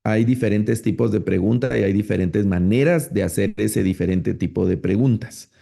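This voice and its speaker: A middle-aged man, giving a relaxed, conversational online lecture on preaching with frequent rhetorical tags. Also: on the low side, normal speed, vocal fry. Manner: relaxed, explanatory, with many fillers and rhetorical tags. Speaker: preaching course instructor.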